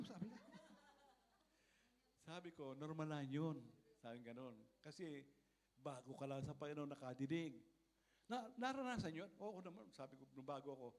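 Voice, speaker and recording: A man with a Filipino accent, a pastor preaching a sermon, telling stories with animated acted-out dialogue and laughter. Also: on the high side. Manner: animated storytelling, acting out dialogue, frequent laughs. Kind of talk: sermon with storytelling.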